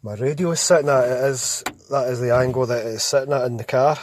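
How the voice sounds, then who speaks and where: An amateur CB radio operator, a Scottish man with a Glasgow accent, chats casually and plainly over the radio in a medium-pitched voice at a quick pace. He's recorded on a handheld phone inside a parked car, with slight background noise.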